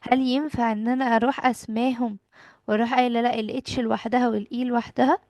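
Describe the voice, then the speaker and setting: A woman's voice: on the high side, level tone, fast, darkish tone, no echo. Patient Egyptian woman teaching a child. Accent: Egyptian Arabic. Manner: patient, asks questions and repeats answers back. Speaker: English teacher. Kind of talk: children's language lesson.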